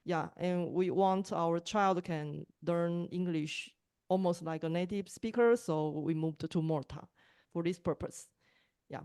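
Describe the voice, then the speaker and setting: A Taiwanese woman whose first language is Mandarin introduces herself in English on a video call during online group introductions. Her voice is on the low side, slightly mellow, clear and resonant, and she speaks hesitantly with pauses and restarts. She works as a language teacher and podcaster.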